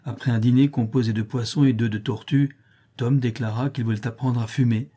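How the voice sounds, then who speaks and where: A man narrating a classic novel as an audiobook in a calm, measured reading. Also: medium pitch, husky. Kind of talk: scripted narration.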